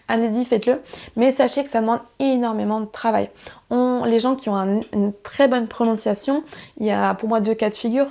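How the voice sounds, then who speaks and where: A young woman with a fairly high but mellow, darkish voice gives a YouTube language lesson. She explains step by step, often pausing on fillers and correcting herself mid-sentence. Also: vocal fry. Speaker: English teacher.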